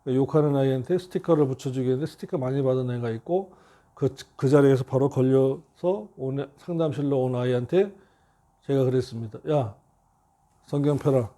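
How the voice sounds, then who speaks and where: A middle-aged male pastor with a mid-range, dark voice delivers a sermon. He tells a story and reads scripture slowly and earnestly.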